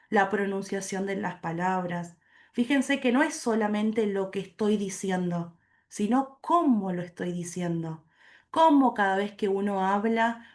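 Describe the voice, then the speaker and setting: A woman, a teacher giving an online class lecture, explaining slowly and asking the class questions, on a video call. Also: mid-range voice.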